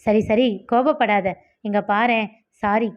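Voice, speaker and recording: A woman's voice: a little high, steady tone, a little slow, lo-fi sound, lightly acted. A woman voicing a young man who is guilty and apologetic, speaking hesitantly and coaxingly.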